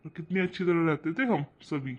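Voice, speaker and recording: A man voicing a kindly, gentle uncle in a cartoon, slow and reassuring. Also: a little high, muffled recording, natural voice. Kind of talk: cartoon voice acting.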